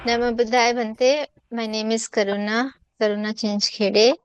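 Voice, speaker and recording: A woman from India introducing herself as a student on a video call, calm and measured. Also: a little high, lo-fi sound, a little hiss or hum.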